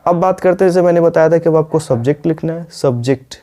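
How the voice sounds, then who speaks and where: A man teaching English in a patient video lesson, often pausing to check with the viewer. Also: a little high, little pitch movement, warm tone. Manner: patient, repeats words, frequent "ठीक है" checks.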